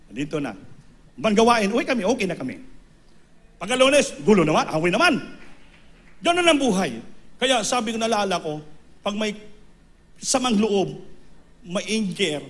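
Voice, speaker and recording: A man preaching a sermon, telling his testimony in a conversational storytelling way that rises to fervent emphasis. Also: high voice.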